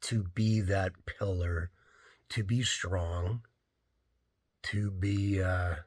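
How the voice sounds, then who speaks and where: A man's voice: low voice, level tone, drawn-out words, no room sound, clean studio sound. A man, a rideshare driver, casually telling a story in a rambling way, full of "like" and "you know".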